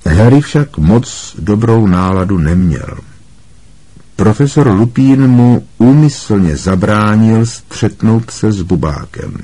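Male audiobook narrator, husky, mellow, measured, voices the dialogue. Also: on the low side, expressive. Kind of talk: scripted narration.

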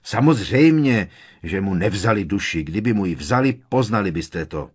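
A man's voice: on the low side, big pitch swings, voice pushed up. A man voicing an irritated teenage boy wizard who answers curtly and impatiently in an audiobook. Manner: curt, tense, impatient. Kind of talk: audiobook character reading.

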